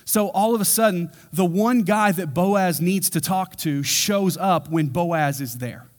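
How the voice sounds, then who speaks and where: Conversational preacher, a man with a slightly higher voice. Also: a little slow. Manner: conversational, acts out quotes in casual voices. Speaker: pastor. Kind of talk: expository sermon.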